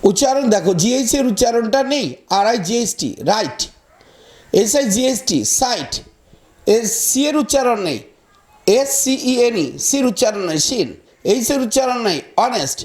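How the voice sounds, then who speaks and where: A man's voice: very high-pitched, lively intonation, a little mellow. Man teaching, spells words letter by letter. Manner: talks to students directly, repeating words slowly. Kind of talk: spoken pronunciation lesson.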